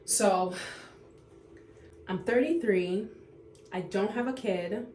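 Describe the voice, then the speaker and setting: A woman in her thirties talks straight to camera in an unscripted confession, trying not to cry, halting and sighing often. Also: medium pitch, darkish tone, echoey room, slight background noise. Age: 30s. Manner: tearful, halting, full of fillers and sighs. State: on the verge of tears. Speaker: vlogger.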